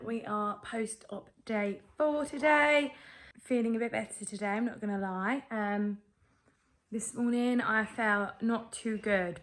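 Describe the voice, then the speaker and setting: A woman's voice: mid-range voice, a bit bright. A woman vlogger giving a casual video diary, talking carefully and subdued with a thick voice from a sore, swollen throat after tonsil surgery.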